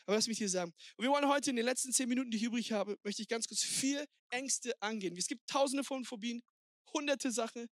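A married man preaching a sermon, energetic and exhorting, sprinkling in English words. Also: extremely high pitch, fast, no echo, clean studio sound. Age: adult, married. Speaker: pastor.

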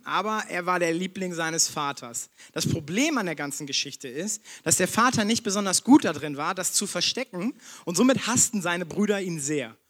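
A man's voice: high voice, a bit bright. A man preaching a sermon in a direct, conversational way, speaking straight to his listeners.

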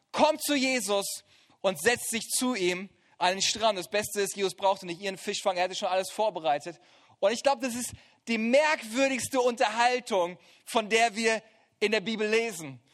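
High-voiced preacher telling lively stories. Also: male voice. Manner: lively storytelling with colloquial asides. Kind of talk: sermon.

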